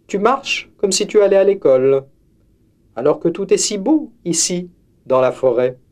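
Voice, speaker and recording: A man voicing a sly, hungry wolf pretending to be a grandmother in a storybook, speaking in a soft, coaxing way. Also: high voice, animated, normal speed, voice pushed up.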